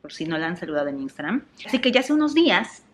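A young adult woman from Peru with a Peruvian Spanish accent, chatting excitedly in a casual gossip vlog and dropping English exclamations. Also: fairly low pitch, fast. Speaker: celebrity gossip vlogger.

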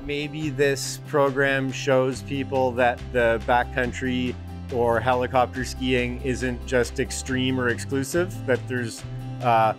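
A man in his thirties, a mountain guide, speaking easygoing in an outdoor interview on a deck, on a lapel mic. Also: mid-range voice.

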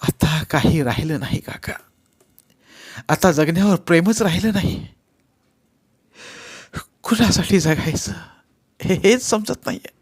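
A man's voice: sits high, measured pace, long pauses, husky. A man voicing a despairing young stage actor who drinks, bitter and self-pitying. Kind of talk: audiobook character voice.

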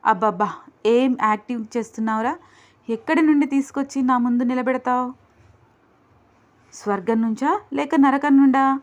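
A woman's voice: high-pitched, moderate pace, pauses often, lightly acted. A woman voicing an angry, distrustful young wife and mother who speaks in a scornful, accusing way. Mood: mocking. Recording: dull lo-fi recording.

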